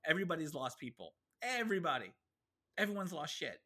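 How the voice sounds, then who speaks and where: A man's voice: on the high side, sing-song, fast talker, bright, forceful tone. A man co-hosting a casual podcast, talking animatedly and swearing freely while he acts out characters' lines. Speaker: podcast co-host. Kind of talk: casual chat.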